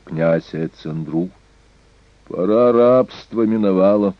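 A man voicing a proud Germanic king who speaks in a calm, dignified, measured way. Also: lowish voice, no echo. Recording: dull lo-fi recording.

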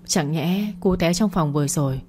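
A woman narrating an audio story in an even, storytelling manner. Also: low voice, moderate pace, slight background noise.

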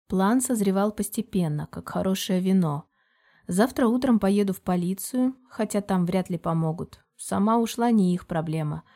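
Женщина-чтица ведёт повествование аудиокниги ровно и размеренно. Голос средней высоты, мягкий и тёплый по тембру. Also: female voice, medium pitch, warm tone. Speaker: audiobook narrator. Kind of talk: scripted first-person audiobook narration.

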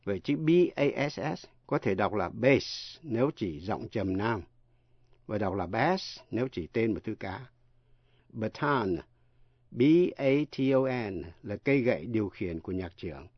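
A man teaching English pronunciation in a radio lesson, spelling words out letter by letter with slow, careful delivery. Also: lowish voice, expressive, slightly rough, no room sound, lo-fi sound.

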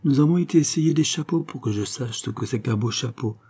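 A man's voice: medium pitch, fairly quick, mellow, slightly rough, pitched above the performer's own voice. A man reading aloud, voicing an eager, pleading fifteen-year-old girl in a storybook. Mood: earnest. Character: passionate girl of fifteen, ardent and loving.

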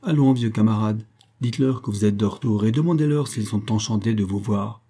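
Man doing a wry jokey friend, husky low voice. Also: a little fast, mellow. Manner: wry, jovial. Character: loyal, witty male friend defending Dick.

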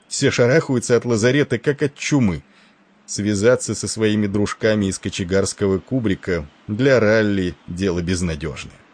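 A man voicing a genial, wisecracking male ship's doctor with an Irish accent, talking with rough familiarity. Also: fairly low pitch, normal speed, darkish tone, natural voice.

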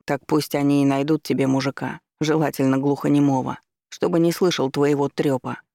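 A man's voice: a little high, level tone, brisk, creaky, dark tone, dry recording, studio quality. A man voicing a blunt, irritated young man who speaks in a curt, dismissive way.

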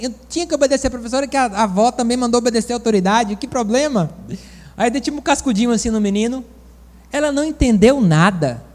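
A man from Bahia, preaching a sermon in a folksy, animated storytelling manner with asides to the congregation. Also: very high voice, big-room sound. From Bahia, Brazil.

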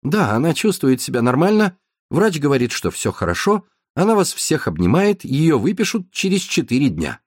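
Male reader doing a jittery young man, husky and wide-ranging. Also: a little high, sing-song, moderate pace, no echo, studio quality. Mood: anxious. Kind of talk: audiobook narration.

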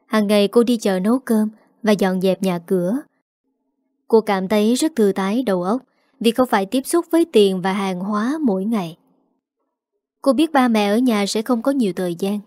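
Female storyteller, calm steady read, mellow tone, dry recording. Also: mid-range voice, normal speed, no echo. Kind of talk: audio story narration.

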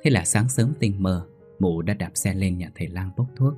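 A man narrating a scripted ghost story in a steady, somber way. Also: low voice, normal speed. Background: faint music.

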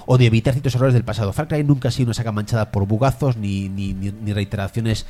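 A man from chatting on a gaming podcast, telling stories with animated acted-out voices. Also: fairly low pitch, fast. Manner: animated storytelling, acts out voices. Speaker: podcast co-host. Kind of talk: casual gaming podcast chat.

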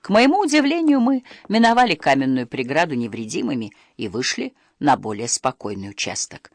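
Lively, expressive audiobook narrator. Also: mid-range voice, brisk, dry recording. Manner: expressive storytelling. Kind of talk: scripted first-person narration.

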